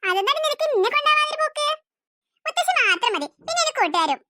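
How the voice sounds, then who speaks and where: A woman voicing a sharp-tongued cartoon grandmother with aching legs. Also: very high-pitched, big pitch swings, fast talker, no room sound, heavily acted. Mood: scolding. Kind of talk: cartoon dubbing.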